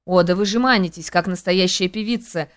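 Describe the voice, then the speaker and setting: A woman's voice: lowish voice, fairly quick, lightly acted. Woman playing a haughty, bored countess. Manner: careless and mocking.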